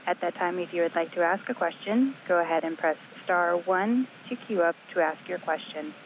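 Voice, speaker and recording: A woman's voice: on the low side, normal speed, slight background noise. Woman operator reading a formal call notice. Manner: flat, formal. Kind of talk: scripted call announcement. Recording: dull lo-fi line.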